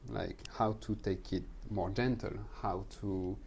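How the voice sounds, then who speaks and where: A middle-aged French man with a French accent, speaking as a podcast guest in a calm, thoughtful way, sometimes searching for words. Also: sits low, a little slow, gravelly, breathy edge. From France. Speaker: guest, manifestation coach. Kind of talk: podcast conversation.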